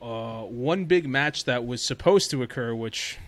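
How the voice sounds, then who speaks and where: A man with an average-pitched voice hosts a casual podcast. He tells things in a loose, rambling way, feeling his way through the details as he goes. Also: a little slow, fairly bright tone, no room sound. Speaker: podcast host. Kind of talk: casual chat about wrestling news.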